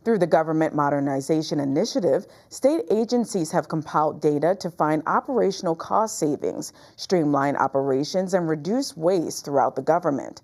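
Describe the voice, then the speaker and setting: A woman's voice: deep voice, normal speed, few pauses, a little mellow. A woman with an American accent presenting the news as a co-anchor. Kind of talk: scripted news reading.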